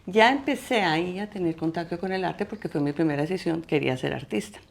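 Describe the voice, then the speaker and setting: Middle-aged woman from Colombia, low and gravelly, hesitant interview guest. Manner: halting, many restarts and fillers. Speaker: guest artist. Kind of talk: interview conversation.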